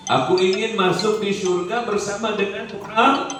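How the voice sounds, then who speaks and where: A man putting on a weeping old blind man, high tearful pleading voice, booming echo, distant mic, music underneath. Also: fairly even intonation, moderate pace, close to an everyday voice.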